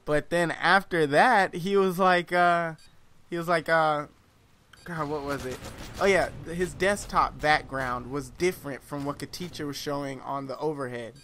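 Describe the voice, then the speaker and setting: A young man telling a story in a casual, rambling way, animated with lots of fillers and laughing often. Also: on the high side, moderate pace. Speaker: vlogger.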